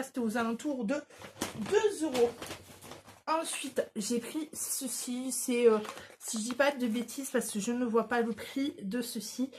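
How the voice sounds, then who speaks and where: A woman's voice: fairly high pitch, a little mellow, slight background noise. A woman vlogger chatting casually through a shopping haul, hesitant, with lots of fillers and self-corrections, joking about her poor English. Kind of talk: casual haul video chat.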